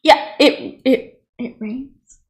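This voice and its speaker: A woman's voice: high voice, very slow. A woman streamer going over viewers' chess games in a casual live analysis, easily amused and chatting between moves. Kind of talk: casual livestream game analysis.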